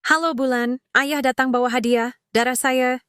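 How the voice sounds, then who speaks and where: A woman's voice: high voice, steady tone, normal speed, fairly bright tone, clear, resonant tone, no room sound, studio quality, pitched above the performer's own voice. A woman voicing an arrogant, scornful man who talks in a mocking, sneering way, read as a story. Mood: fake warmth. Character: arrogant scornful man, the girl's estranged father.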